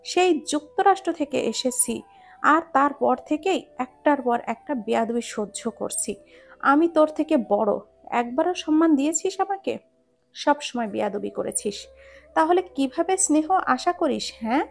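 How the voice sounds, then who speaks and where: A woman reading a storybook romance aloud, voicing a hot-tempered young husband who scolds gruffly. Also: high voice, expressive, measured pace, exaggerated voice. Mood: angry.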